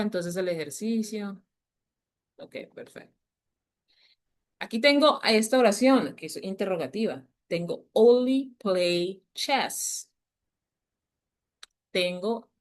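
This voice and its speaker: A woman teacher explaining grammar to a class, patiently repeating key points and slowing down to stress them. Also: on the low side. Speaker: English teacher.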